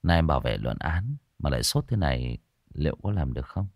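A man voicing a calm, protective older brother who speaks softly and reassuringly. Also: a bass voice, fairly quick, gravelly, no echo, studio quality, pitched below the performer's own voice, full character voice.

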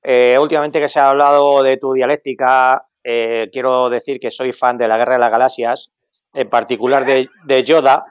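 A man with a mid-range, smooth voice and flat delivery calls into a podcast as a guest on his mobile phone, speaking at a moderate pace. He chats casually, joking and chuckling between remarks, over dry lo-fi phone audio with no room sound.

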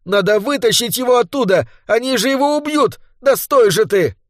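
A man reading an audiobook voices a stubborn, tearful young man shouting accusations. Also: on the high side, moderate pace, no echo, studio quality, natural voice.

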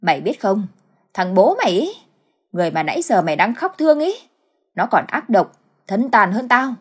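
A woman's voice: mid-range voice, lively intonation, moderate pace, breathy edge. A woman voicing a cruel, scheming older village woman who wails and gloats in a storybook tale. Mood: cruel gloating. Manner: wailing then coldly gloating.

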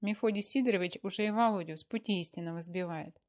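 A woman's voice: mid-range voice, fast talker, natural voice. A woman voicing a sulky young wife who speaks in a whiny, reproachful way in a read-aloud story.

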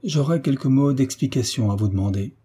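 A man's voice: medium pitch, expressive, a little fast, mellow, slightly rough. A man reading a proud, ambitious nobleman in a French audiobook, with formal, tense politeness. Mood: stiffly polite.

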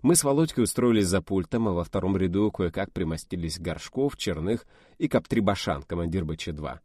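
A man narrating an audiobook in first person with expressive storytelling. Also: deep voice, a little fast, no echo, clean studio sound.

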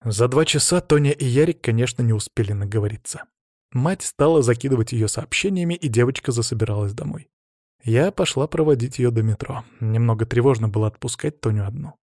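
A man narrating an audiobook in a measured, even storytelling manner, close to the mic. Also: mid-range voice, dry recording. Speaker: audiobook reader. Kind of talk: scripted narration.

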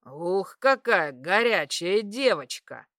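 A woman voicing a drunk, lecherous male warlock who talks in a slow, loud, leering drawl, lower than her own voice. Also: big pitch swings, dry recording, clean studio sound, heavily acted.

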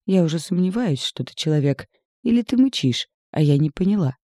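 A man's voice: a little high, animated, brisk, mellow, no echo, clean studio sound, pitched above the performer's own voice. A man putting on a fiery, scolding young woman. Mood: angry scolding. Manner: scolding, sarcastic, raised voice. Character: fiery, sharp-tongued young village woman. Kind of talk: audiobook character reading.

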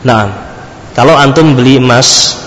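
A male religious teacher giving a lecture in a large mosque. He asks his listeners questions, pauses for them to fill in the answers, then supplies them himself, and drops Arabic terms into his talk. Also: medium pitch, fairly even intonation, a bit bright, a little hiss or hum. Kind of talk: classroom-style religious lecture. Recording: echoey mosque hall with long reverb.

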